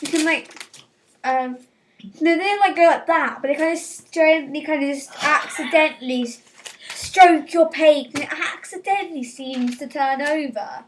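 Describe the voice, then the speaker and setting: A woman's voice: high-pitched, normal speed, distant mic, slight background noise. A teenage girl doing a casual comic rant, acting out little scenes with quoted lines and giggles. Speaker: vlogger.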